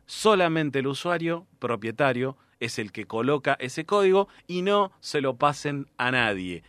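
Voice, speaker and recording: A man's voice: mid-range voice, lively intonation, measured pace, a bit bright, no echo. A man with a Rioplatense Spanish accent, patiently explaining how accounts get stolen in a conversational interview.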